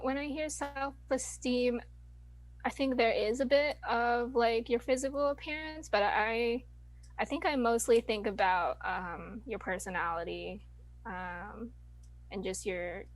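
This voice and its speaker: A woman's voice: fairly high pitch, dry recording, rough recording. Hesitant nineteen-year-old woman, trailing off. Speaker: interviewee. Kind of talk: casual interview over video call. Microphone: video call.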